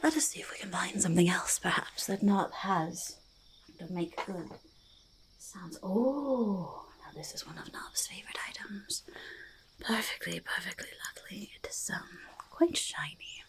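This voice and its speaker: Here the goblin is fascinated and delighted: a woman voices this quirky, slightly menacing, treasure-hoarding forest creature, who speaks of herself in the third person, for a soft ASMR roleplay. The audio is poor, and her lowish, breathy half-whisper with creaky fry shifts between whispers and soft speech, repeating words haltingly and quaintly.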